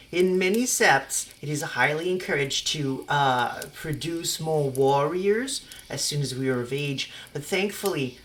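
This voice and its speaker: A woman's voice: low-pitched, a bit bright. A woman voicing Stephanie, a blunt and chatty teenage girl among werewolf kin, with a brash, outspoken manner.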